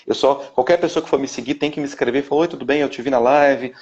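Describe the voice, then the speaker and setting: In a casual live interview by video call, a Brazilian man in his thirties who coaches singers talks fast in a mid-range, darkish voice with fairly even intonation. His Brazilian Portuguese rambles with frequent restarts and "né?" tags, and the live-stream audio is dull and lo-fi.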